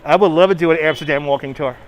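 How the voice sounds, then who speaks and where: Racing along in a fairly high voice, a New York-accented livestream host chats with his viewers by name and laughs frequently as he walks city streets outdoors. The audio, recorded on a phone on a gimbal, is poor and carries a little hiss or hum.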